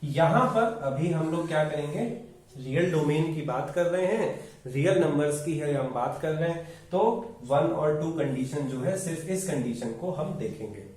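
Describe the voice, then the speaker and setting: A man's voice: a little high, expressive, moderate pace, darkish tone, distant mic. A man with an Indian accent teaching a maths class, explaining each step and checking in with "okay" as he goes. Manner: explains step by step with frequent 'okay' and 'ठीक है' check-ins. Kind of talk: classroom lecture mixing Hindi and English. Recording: echoey room, voice away from mic.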